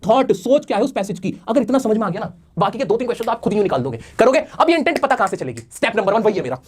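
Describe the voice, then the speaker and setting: Male English tutor, exam-prep lesson, rapid-fire delivery, asks and answers his own questions, repeats key words for emphasis. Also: high-pitched, big pitch swings, breathy edge. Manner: addresses students as "my children" and "friends". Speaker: English teacher.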